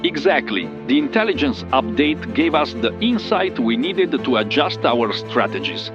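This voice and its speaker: A man's voice: mid-range voice, very animated, moderate pace, close to an everyday voice. A man playing an earnest military intelligence analyst, giving formal, emphatic reports in a scripted sci-fi war bulletin. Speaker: field intelligence correspondent. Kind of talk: scripted wartime news report role-play. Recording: muffled radio-like sound, faint music.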